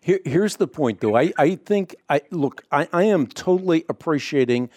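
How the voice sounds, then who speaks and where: A man from the Netherlands hosting a call-in radio show, speaking in a measured, firm way and pressing his point with repeated interjections. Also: fairly high pitch, lively intonation, darkish tone, dry recording. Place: radio studio. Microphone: studio microphone.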